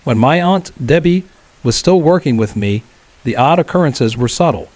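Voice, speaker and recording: A man telling a true horror story as scripted narration, in a calm, measured way. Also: medium pitch, no room sound.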